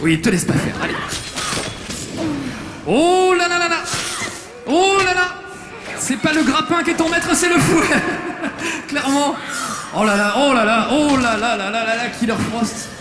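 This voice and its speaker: A man's voice: very high voice, animated. A man hosting a live fighting-game contest on a convention stage, teasing the players and cheering on the crowd through a handheld mic. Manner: playful, teasing, quick to joke and cheer on the crowd. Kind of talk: live event emceeing. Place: convention stage before an audience. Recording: echoey hall with music.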